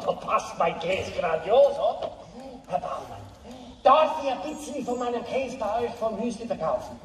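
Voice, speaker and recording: A man's voice: very high-pitched, a little hiss or hum, heavily acted. A man doing a jovial Swiss cheese peddler. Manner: theatrical, drawn-out sing-song delivery. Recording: echoey hall from far off.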